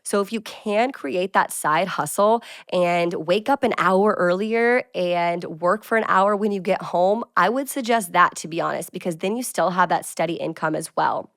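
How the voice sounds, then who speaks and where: A woman in her twenties hosting a casual advice podcast, chatty and bubbly, with quick bursts of excitement. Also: on the low side, no echo, studio quality. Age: 20s. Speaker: podcast host.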